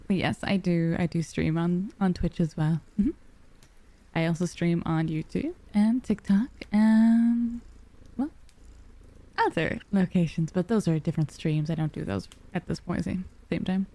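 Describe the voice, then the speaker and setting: A woman streamer chats casually with her viewers. Her voice is soft and cozy, on the low side, with a dark, relaxed tone like storybook reading. She addresses listeners affectionately with pet names. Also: measured pace. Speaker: livestreamer, VTuber. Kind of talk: casual livestream chat with viewers.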